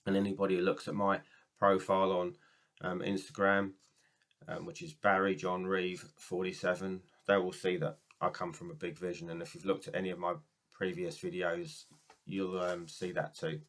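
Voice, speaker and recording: A UK man working as a network marketing business coach rambles casually to camera, full of ums and restarts. He has a cold and a sore throat, and his deep, slightly bright voice stays flat at a normal speed.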